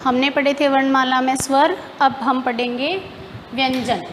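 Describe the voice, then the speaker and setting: A woman's voice: sits high, flat delivery, normal speed, long reverb tail, a little hiss or hum. A woman teacher explaining grammar step by step in a classroom lesson, asking questions and answering them herself.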